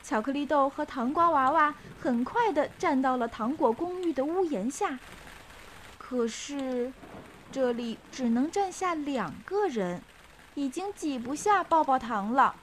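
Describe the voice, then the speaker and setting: A woman's voice: high-pitched, expressive, unhurried, a little hiss or hum. A woman giving scripted narration for a young children's story.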